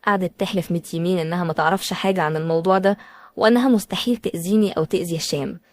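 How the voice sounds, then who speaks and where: Fast, dry Egyptian woman storyteller. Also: lowish voice, no echo. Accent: Egyptian Arabic. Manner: emotional, anxious storytelling. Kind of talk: first-person dramatic story narration.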